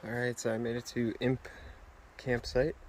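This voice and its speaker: A man chatting casually to his camera outdoors on a mountain trail, relaxed and rambling with lots of fillers. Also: medium pitch, normal speed, slight background noise. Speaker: hiker filming his own trail vlog. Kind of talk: casual self-filmed vlog chat.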